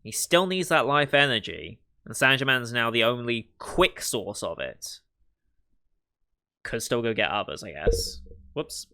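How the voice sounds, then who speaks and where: A man whose first language isn't Japanese hosts an anime reaction, musing aloud in casual commentary about what the characters might do next and laughing softly now and then. His mid-range voice has big pitch swings, and he takes his time.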